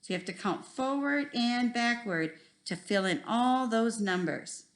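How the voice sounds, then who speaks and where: A woman's voice: a little high, measured pace. A woman teaching a first grade lesson, talking simply and encouragingly to children like a kids show host. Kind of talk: instructional math video lesson for young children.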